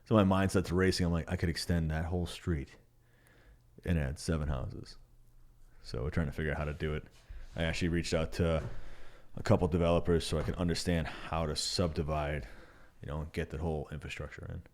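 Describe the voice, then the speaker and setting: Casual podcast co-host, a man with a very deep voice, easygoing and rambling. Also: brisk. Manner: relaxed storytelling with restarts. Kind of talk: casual chat.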